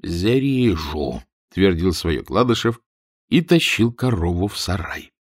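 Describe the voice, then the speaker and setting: A man narrating humorous prose as an audiobook reader, telling it with expressive irony. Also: sits low, normal speed, no room sound, studio quality. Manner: expressive, ironic storytelling.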